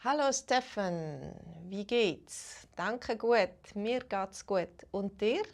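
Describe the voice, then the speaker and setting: A woman's voice: medium pitch, expressive. A woman from Switzerland who teaches Swiss German, chatting casually with live-stream viewers and greeting them one by one. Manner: greets chat viewers, slow and unhurried, switches between English and German.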